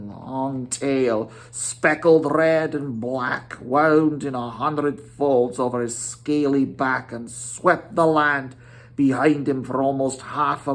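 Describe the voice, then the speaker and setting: A storyteller giving a dramatic storybook reading, with theatrical, weighty delivery and drawn-out emphasis. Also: mid-range voice, fairly even intonation.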